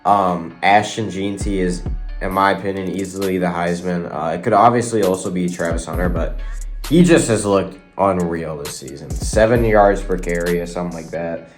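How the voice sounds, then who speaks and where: A young sports video host with a deep voice talks to camera at a moderate pace, casually chatting through sports predictions and rambling to viewers. He has a cold that makes him sound nasal, and faint guitar music plays behind.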